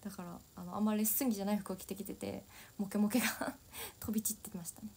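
A woman's voice: medium pitch, steady tone, fast talker, darkish tone, a little hiss or hum. A young woman idol, chatting casually and giggling as she answers viewer comments on a solo livestream. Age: young adult.

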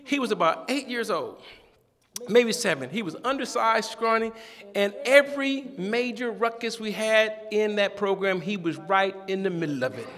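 A male pastor delivers a sermon with animated, humorous storytelling and call-and-response. His voice sits a little high for a man. A long reverb trails his words in the church sanctuary. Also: normal speed.

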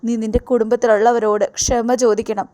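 A woman's voice: fairly high pitch, flat delivery, a little fast, mellow, natural voice. A woman voicing a blunt male friend who scolds his companion. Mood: scolding.

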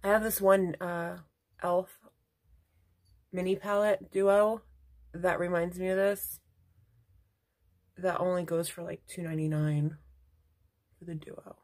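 A woman's voice: fairly low pitch, steady tone, slow pace, long pauses, a little mellow. A woman beauty vlogger chatting casually at home while doing her makeup, rambling into asides. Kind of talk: casual get-ready-with-me chat.

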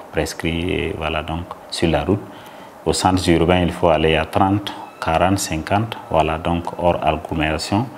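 Very deep-voiced man, halting. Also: slight background noise. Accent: Burkinabè French. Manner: halting, many fillers. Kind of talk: interview answer.

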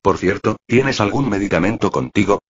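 Low husky male novel narrator. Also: expressive, moderate pace. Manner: reads ellipses and spelled words out literally. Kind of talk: reading a translated web novel. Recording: dull lo-fi recording.

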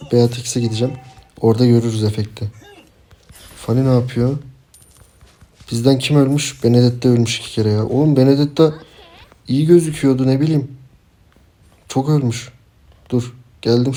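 A young man talks through a match in a mellow, warm voice at a middling pitch. His commentary is casual and chatty, with sudden frustrated outbursts and asides to his teammates. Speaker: gameplay streamer. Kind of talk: casual live gameplay commentary.

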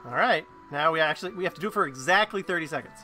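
A giggly co-host telling animated stories over a game playthrough. The voice is bright and crisp, with wide, lively swings in pitch. Faint music sits in the background. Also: very fast. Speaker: let's play co-host. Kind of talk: casual chat and storytelling over gameplay.

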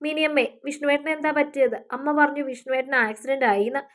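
An anxious, tearful young girl pleads and frets, her high voice worried but held in, as a woman storyteller puts her on. It stays close to an ordinary read-aloud voice. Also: steady tone, fast talker, close to an everyday voice. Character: teenage girl, tearful and devoted.

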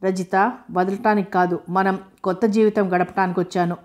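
Calm young hero, read by a woman, gentle, reassuring, steady, mid-pitched, audiobook. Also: normal speed, natural voice. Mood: tender. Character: young man, calm, tender detective hero.

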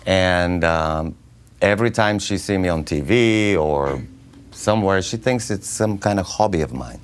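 A man's voice: deep voice, unhurried, slight background noise. A middle-aged man with a Bulgarian accent, telling his life story in an interview, joking and laughing often, recorded on a lapel mic in a small studio. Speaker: guest actor. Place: small studio with dark curtain.

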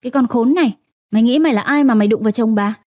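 A young wife full of fury and grief, as a woman narrator voices her. Her voice sits fairly high with a dark, mellow tone, in a dry storybook reading. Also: a little fast, no room sound, lightly acted. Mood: furious.

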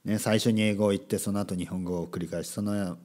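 A man's voice: fairly low pitch, fairly even intonation, a little fast, darkish tone. A Japanese man hosting a casual solo podcast as a language teacher, talking emphatically and repeating his key words. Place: lives abroad, recorded solo.

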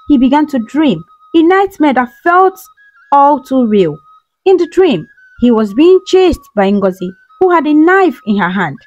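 A woman narrating a folktale in an expressive, lilting storytelling style. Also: sits high. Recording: slightly dull recording with soft music.

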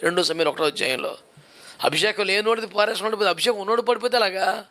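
A man's voice: sits high, rapid-fire, bright, forceful tone. A male pastor preaching a sermon, driving his points home with repeated rhetorical questions.

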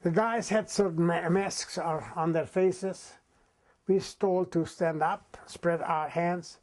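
A man in his eighties from Czechoslovakia, a non-native English speaker, telling his wartime memories in a vivid, unhurried way with dramatic pauses. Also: high-pitched, fairly even intonation, a little mellow. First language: not English. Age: 80s. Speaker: interviewee recounting wartime memories. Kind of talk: oral history storytelling.

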